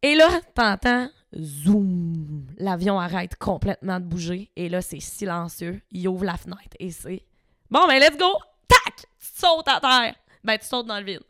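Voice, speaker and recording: A young woman in her twenties with a Québécois accent, a podcast guest telling stories excitedly in casual chat and adding her own sound effects. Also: medium pitch, moderate pace, hardly any pauses, no echo, studio quality.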